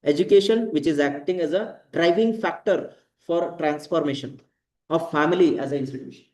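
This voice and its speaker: A man's voice: on the high side, moderate pace, a little mellow. A man with an Indian accent lecturing a class, repeating key points and often checking that students follow. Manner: didactic, repeats points, frequent check questions like "correct?" and "right?". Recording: roomy echo, voice distant from mic.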